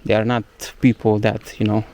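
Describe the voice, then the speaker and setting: A young travel vlogger whose first language is Romanian, with a Romanian accent, narrates casually and hesitantly while walking outdoors through a village, searching for English words. His voice is on the low side and dark in tone, delivered flatly at a normal speed. The audio sounds dull.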